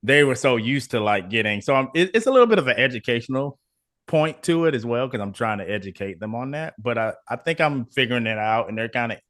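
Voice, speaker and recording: A man's voice: medium pitch, fast, no room sound, studio quality. A man, an agency owner, talking casually in an interview, acting out what clients say and trailing into long run-on sentences. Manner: animated, acts out client quotes, trails off in long run-ons.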